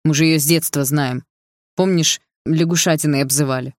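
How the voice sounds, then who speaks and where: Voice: medium pitch, fairly even intonation, moderate pace, no echo, studio quality, lightly acted. An audiobook reader voicing a nervous young man who pleads and justifies himself. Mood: reminiscing. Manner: pleading, flustered. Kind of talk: audiobook dialogue.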